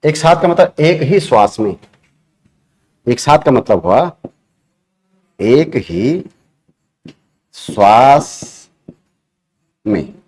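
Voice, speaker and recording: A man with an Uttarakhand accent teaches an exam-prep grammar lesson in an ordinary middle-pitched voice. He works through each point slowly, repeating key terms and asking the class questions as he writes on a board. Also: sing-song, a little mellow.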